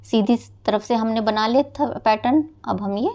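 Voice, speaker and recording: A woman's voice: on the high side, moderate pace, darkish tone. A woman patiently giving a step-by-step knitting tutorial, explaining each stitch and speaking directly to her viewers as friends. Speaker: knitting teacher.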